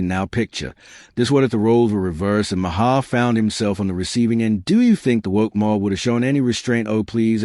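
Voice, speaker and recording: A man's voice: on the low side, darkish tone, no room sound, clean studio sound. A man narrating scripted commentary in a sardonic, mocking manner.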